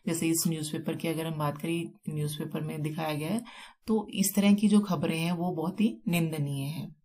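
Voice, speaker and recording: A woman with an Indian accent teaches vocabulary in a fairly low voice. She explains patiently and repeats each word several times so it sticks. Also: steady tone, mellow. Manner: explains slowly, repeating words with memory tricks. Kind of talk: classroom vocabulary lesson.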